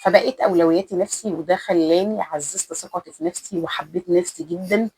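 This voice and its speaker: Fast-talking husky Egyptian woman. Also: fairly low pitch, steady tone, warm tone. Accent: Egyptian Arabic. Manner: earnest, repetitive, speaks straight to the listener. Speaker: lifestyle vlogger giving advice to women. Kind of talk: casual motivational talk to the viewer.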